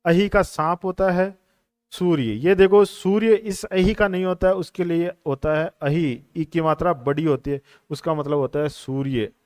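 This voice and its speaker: A man's voice: on the high side, moderate pace, darkish tone, no room sound, studio quality. Patient male teacher. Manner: explains patiently, repeats answers, addresses students as brothers and friends. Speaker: exam coaching teacher. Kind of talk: classroom lecture on Hindi exam questions.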